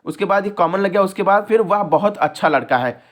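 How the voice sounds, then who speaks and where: Brief: young male teacher, high voice, patient step-by-step explainer, exam-prep class. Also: lively intonation, brisk. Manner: explains step by step, checking in with "ठीक है".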